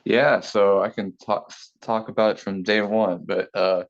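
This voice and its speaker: Deep-voiced guy in his 30s rambling casually in an interview, lots of likes and you knows, kinda dull lo-fi audio. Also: measured pace, slight background noise. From Taiwan. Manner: relaxed, rambling, many fillers. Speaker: interview guest. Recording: slightly dull lo-fi sound.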